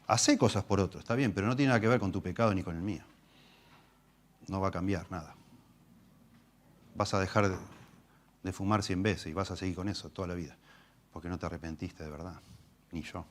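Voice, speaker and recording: A pastor with a fairly low male voice and a Rioplatense Spanish accent preaches an expository sermon in a church. His delivery is emphatic, rising to loud stressed words and dropping to low asides. He slows right down whenever he reads scripture. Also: steady tone. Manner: reads scripture slowly and deliberately.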